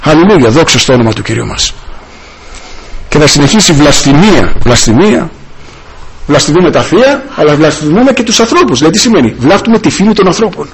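A man's voice: very animated, breathy edge, rough recording. A man preaching a sermon with passion, breaking into hallelujahs. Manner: impassioned, rising and falling pitch, many hallelujahs.

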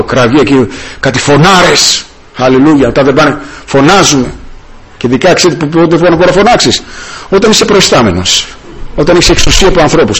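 A man's voice: breathy edge, poor audio. A man preaching a sermon with passion, breaking into hallelujahs. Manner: impassioned, rising and falling pitch, many hallelujahs.

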